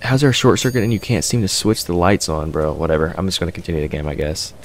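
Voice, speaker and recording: A man's voice: low voice, fast, a little hiss or hum. Jittery, swearing man streaming a horror game. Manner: scared, jittery horror-game reactions, repeating phrases; heavily profane, slangy. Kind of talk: horror game let's play commentary.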